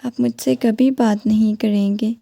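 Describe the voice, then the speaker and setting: A woman voicing a heartbroken, tearful young wife who pleads softly, in a creaky voice. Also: fairly high pitch, fairly even intonation, dry recording.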